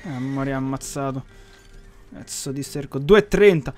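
A young man giving casual, excitable commentary while playing a video game, swearing and taunting as he goes. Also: medium pitch, moderate pace, soft background music. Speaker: gaming channel host.

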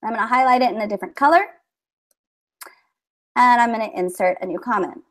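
A woman's voice: on the high side, fairly quick. A woman teacher presenting to fellow educators over a video call, explaining her methods in a friendly way with many fillers. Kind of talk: conference presentation with screen share.

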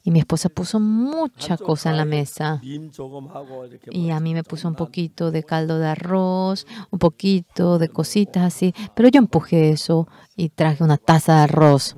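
An interpreter voicing a pastor's sermon live, with animated delivery and big pitch jumps in the quoted dialogue. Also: normal speed.

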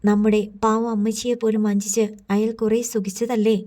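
A woman narrating a novel as an audiobook, reading the dialogue in her own voice with a steady storytelling delivery. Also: on the high side, brisk.

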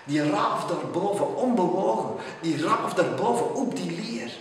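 Male reciter, Antwerp Flemish accent, slow and theatrical, moves into hushed tones; distant, very echoey outdoor recording. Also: high-pitched, lively intonation, slight background noise. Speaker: poetry reciter. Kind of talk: dramatic poetry recital. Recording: echoey, distant, long reverb.

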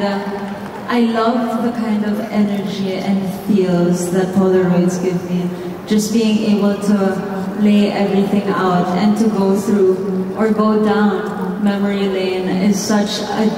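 A woman in her twenties earnestly answering questions on stage as a pageant contestant. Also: mid-range voice. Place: large arena stage. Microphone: handheld mic. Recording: echoey arena heard from far off. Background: crowd and noise.

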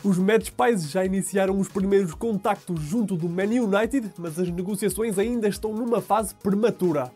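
A man with a European Portuguese accent, presenting football news in a steady scripted read. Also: high-pitched, breathy edge, faint music behind. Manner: steady, measured read of sports headlines.

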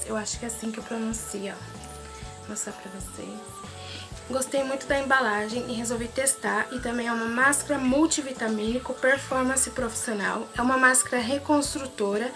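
A young Brazilian woman with a Brazilian Portuguese accent, chatting casually about her pharmacy haul and reading product labels aloud, in a small room on a camera mic. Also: a little high. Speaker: beauty vlogger. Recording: background music throughout.

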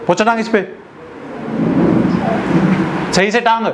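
A man rattles off orders at a quick pace, bossy and threatening as he plays a furious office boss. His voice sits at an ordinary pitch. Steady noise hums behind him. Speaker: prankster playing an angry boss. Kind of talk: staged prank argument.

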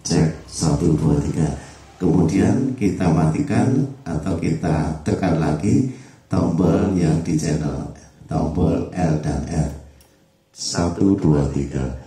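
A man explains mixer settings step by step and counts off test lines into the mic. His voice is low and mellow. The room around him is echoey. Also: takes it slowly. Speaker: audio mixer tutorial host. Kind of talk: hands-on equipment demonstration.

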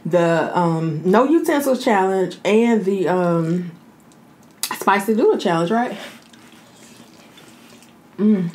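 An American woman in her thirties chatting casually as a mukbang host, talking while eating and pausing to chew. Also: mid-range voice, expressive, a little mellow. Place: indoor room.

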